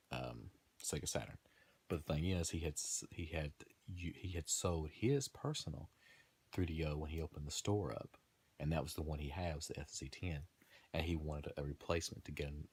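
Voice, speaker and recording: Husky deep-voiced man rambling casually. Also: darkish tone. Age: 30s. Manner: chatty, trails off and restarts, laughs at himself. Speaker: gaming video host.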